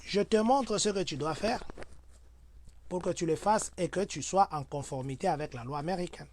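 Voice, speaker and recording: A community advisor whose first language is Swahili gives everyday advice to his community, earnest and preachy, jumping to loud exclamations to make points. His voice sits high at a moderate pace, with a slight hiss or hum in the recording.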